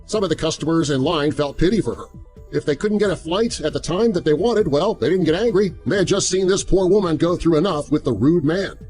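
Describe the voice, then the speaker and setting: A man reading a scripted story as a narrator, in an animated storytelling manner. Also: a little high, brisk. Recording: music under the voice. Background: background music.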